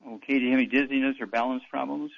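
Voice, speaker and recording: A man's voice: mid-range voice, fairly even intonation, racing, gravelly, no echo. Man, call-in radio host, blunt, dismissive, dull radio audio. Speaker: radio talk show host.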